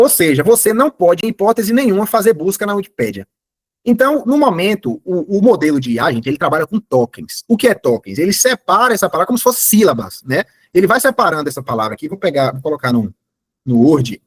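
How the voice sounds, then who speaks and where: High, lively man teaching. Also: slightly rough, no room sound. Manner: explanatory, repeats points, self-corrects mid-sentence. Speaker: course instructor. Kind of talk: live online class with screen demo.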